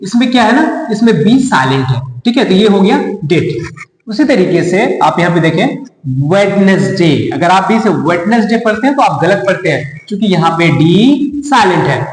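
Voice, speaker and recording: A man giving a casual spoken pronunciation lesson in a playful, chatty way, with teasing asides. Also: sits high. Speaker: English pronunciation teacher. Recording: echoey room with long reverb.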